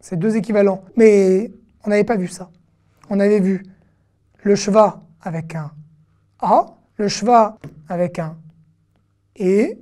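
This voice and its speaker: A woman teaching an online reading lesson, patiently repeating syllables slowly with casual fillers. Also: medium pitch, mellow. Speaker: Hebrew teacher.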